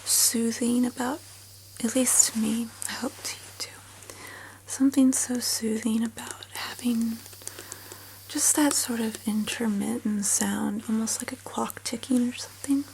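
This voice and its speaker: Woman doing whispered role-play, soft soothing spa whisper, kinda high voice, really slow and gentle. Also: fairly even intonation, gravelly, slight background noise, rough recording. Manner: gentle, slow personal attention to the listener. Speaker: ASMR host.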